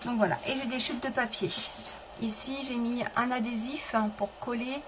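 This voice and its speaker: A woman's voice: fairly high pitch, fairly even intonation, moderate pace, background noise. A middle-aged woman running a live papercraft tutorial, chatting casually, restarting sentences and answering viewers as she shows her materials. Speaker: papercraft demonstrator. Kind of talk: live-stream craft tutorial.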